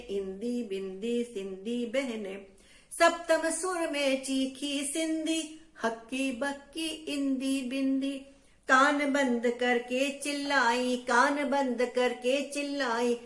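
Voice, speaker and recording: A woman's voice: fairly high pitch, steady tone, slow pace, fairly bright tone. A woman poet reciting and explaining rhyming poems for children in a sing-song chant, repeating the refrains again and again. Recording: roomy echo.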